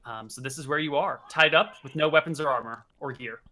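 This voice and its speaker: A man serves as game master and describes the scene loosely, stopping on fillers as he goes. His voice is very bright and sits a little above the usual pitch for a man. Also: a little fast. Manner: casual, rambling narration with fillers. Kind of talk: narrating a tabletop game.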